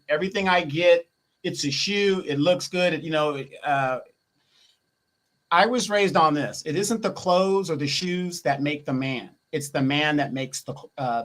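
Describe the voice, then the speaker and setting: A man with a notably high voice talks on a casual livestream. He speaks reflectively, stopping and restarting as he looks for the right words. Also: a bit bright. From grew up in Japan. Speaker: livestream co-host.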